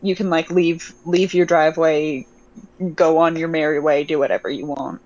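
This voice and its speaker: A woman's voice: deep voice, steady tone, moderate pace, darkish tone. A woman co-hosting a podcast in a Southern US accent, chatting casually and giving blunt, emphatic warnings full of swearing. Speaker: podcast co-host. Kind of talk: casual chat. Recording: dull lo-fi mic audio.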